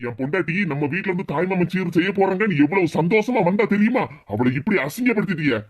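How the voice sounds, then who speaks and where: A woman's voice: fairly low pitch, animated, fast, darkish tone. A woman voicing a stern, protective older brother in a cartoon who scolds in a Tirunelveli Tamil accent. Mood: angry.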